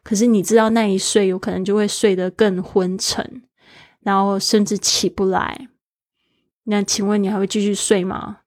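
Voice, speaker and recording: A woman's voice: medium pitch, little pitch movement, moderate pace, darkish tone, no room sound, studio quality. A woman teaching a daily English lesson, spelling words letter by letter in an encouraging way.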